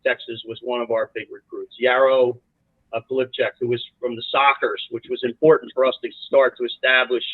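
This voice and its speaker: A man's voice: medium pitch, brisk, no room sound. Man telling stories over a tinny line. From South Jersey, USA. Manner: animated, rambling anecdotes with many restarts. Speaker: college soccer coach, guest. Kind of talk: casual storytelling interview. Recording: dry, tinny phone-like line.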